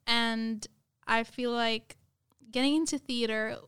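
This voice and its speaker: Speaking slowly in a steady, slightly bright tone, this interview guest is a young adult woman whose voice is fairly high, clear and smooth. Her manner is earnest and effusive, conversational, with words repeated for emphasis.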